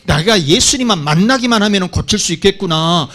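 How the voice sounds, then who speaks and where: A man's voice: high voice, lively intonation, fairly quick. A man voicing a desperate blind beggar man who pleads and cries out for healing in a retold story. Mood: hopeful. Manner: pleading, loud crying out.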